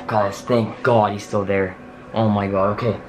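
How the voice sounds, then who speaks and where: A man's voice: on the low side, little pitch movement, slow pace, noisy background. A young adult man talking urgently and dramatically to camera as a vlogger in a small home office, with exclamations and sighs. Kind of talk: dramatic paranormal challenge vlog. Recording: home room with music behind.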